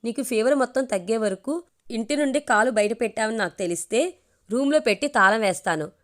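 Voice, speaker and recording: A woman's voice: on the high side, lively intonation, a little fast, natural voice. A woman voicing a strict mother in a read-aloud story, scolding in a stern way.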